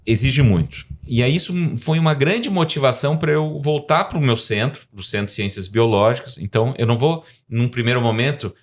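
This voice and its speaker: In a podcast interview, a Brazilian guest scientist and professor in his forties gives rambling explanations peppered with tag questions, in a Brazilian Portuguese accent. He talks a little fast in a mid-range voice, hardly pausing at all.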